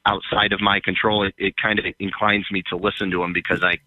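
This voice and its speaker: Low-voiced male caller over a phone line. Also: level tone, no echo. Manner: hesitant, halting, many fillers. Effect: heard over a phone line. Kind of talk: call-in conversation. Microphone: phone held by the caller.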